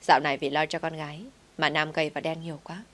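A woman's voice: sits low, flat delivery, fast, fairly bright tone. A woman reading the part of a well-off woman who talks in a blunt, teasing, matter-of-fact way. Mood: eager.

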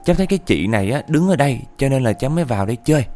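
A man's voice: medium pitch, animated, rapid-fire, warm tone, faint music behind, pitched above the performer's own voice, natural voice. Man putting on a whiny pleading ghost. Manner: pleading, tearful, childlike. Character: whining homeless young ghost possessing a woman.

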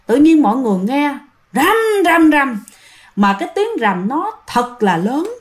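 A woman's voice: high-pitched, big pitch swings, unhurried. A woman with a Southern Vietnamese accent telling a ghost story in a chatty way, speaking straight to her listeners. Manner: chatty, addresses listeners directly.

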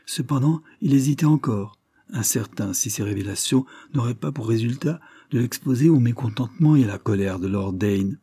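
A man narrating a classic novel as an audiobook, in a steady reading manner. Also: medium pitch, normal speed, slightly rough, no echo, studio quality. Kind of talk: scripted narration.

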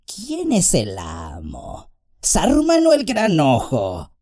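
A soft, sweet-voiced but malevolent orc messenger, as a male narrator voices him, drawling slowly and swooping all over his pitch as he mocks. A husky, insinuating sneer runs through every line. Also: huge pitch swings, heavily acted. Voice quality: softer, sweeter than the others. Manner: sneering, mocking. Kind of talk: audiobook character voice.

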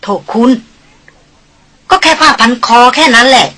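A woman's voice: sits high, measured pace, pitched above the performer's own voice, full character voice. A woman voicing a haughty, wealthy young aristocratic woman doctor who talks in a teasing, dismissive way. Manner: sharp-tongued, teasing and dismissive.

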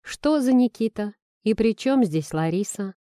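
A woman's voice: mid-range voice, lively intonation, unhurried, dark tone, no echo, studio quality, close to an everyday voice. Woman playing a prickly sarcastic young woman. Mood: suspicious, guarded. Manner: cool, sarcastic. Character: sharp-tongued young woman, suspicious and prickly.

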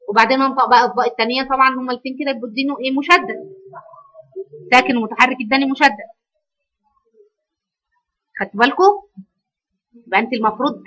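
A woman with an Egyptian accent teaching a Quran recitation lesson, correcting her students and modeling phrases slowly and drawn out. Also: high voice, bright, forceful tone, poor audio. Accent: Egyptian Arabic. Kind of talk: online tajweed lesson.

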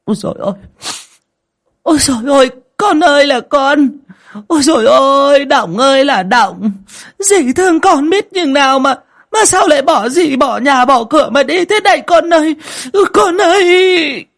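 A man voicing a scheming village stepmother who wails crocodile tears in a shrill falsetto with drawn-out sobbing cries. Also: animated, gravelly, fairly bright tone, heavily acted. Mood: fake wailing.

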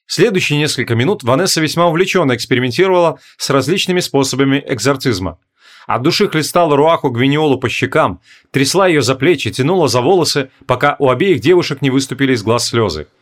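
A man narrating an audiobook in an expressive storytelling manner. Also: medium pitch, fast talker. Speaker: audiobook reader. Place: home studio.

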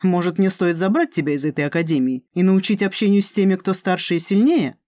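A narrator doing a smug domineering dark god. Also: mid-range voice, quick pace, no echo, studio quality, natural voice. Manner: drawling, commanding. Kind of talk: audiobook character reading.

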